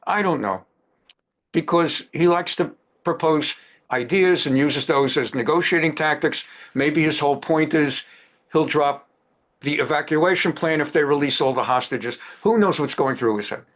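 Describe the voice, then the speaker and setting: A man's voice: on the high side, normal speed, fairly bright tone. A man teaching a lecture on current events who talks emphatically and repeats phrases for stress. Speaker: religious teacher.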